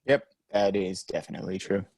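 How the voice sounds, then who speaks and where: A man in his twenties co-hosting a podcast, chatting casually with quick self-mocking asides. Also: deep voice, darkish tone, no room sound. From Canada. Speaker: podcast co-host. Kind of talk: casual chat.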